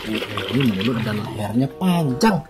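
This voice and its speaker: A woman's voice: very deep voice, lively intonation, moderate pace, background noise. A woman hosting a children's toy reveal, talking in a playful, exclamatory way like a kids' party magician presenting surprises. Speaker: children's toy video host.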